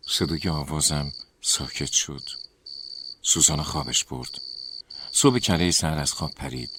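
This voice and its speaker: A man with a very deep voice reads scary stories aloud, slow and dramatic, often dropping to a hush. Crickets and insects chirp clearly behind him. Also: background noise. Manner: slow, dramatic, hushed storytelling. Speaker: storyteller.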